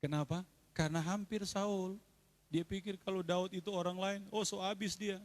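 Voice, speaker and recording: A male pastor preaching a lively sermon at a church service, calling out to his congregation. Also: sits high, moderate pace. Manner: animated preaching, calls out to the congregation.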